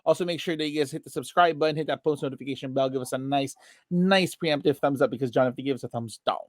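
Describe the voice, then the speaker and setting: A man's voice: mid-range voice, no room sound, clean studio sound. A man hosting a casual trading podcast, joking and laughing often as he chats with his co-host. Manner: laughs a lot, quick joking delivery. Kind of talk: casual banter on a trading show.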